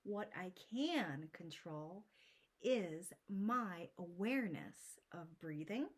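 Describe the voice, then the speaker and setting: Slow, soothing woman teaching art. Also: fairly low pitch. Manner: unhurried and soothing, drawn-out words, soft breathy whispers. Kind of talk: slow, calm lesson talk to children.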